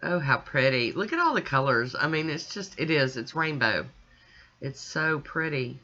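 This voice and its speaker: A woman's voice: sits low, very animated, moderate pace, bright, forceful tone, lo-fi sound. A woman chatting casually as she talks the viewer through her nail art, step by step. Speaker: nail art channel host.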